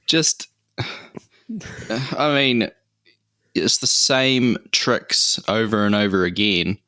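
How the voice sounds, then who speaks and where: A man co-hosting a casual podcast chat, laid-back and chuckling, with quick quips. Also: lowish voice, sharp tone, no room sound. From New Zealand. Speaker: podcast co-host.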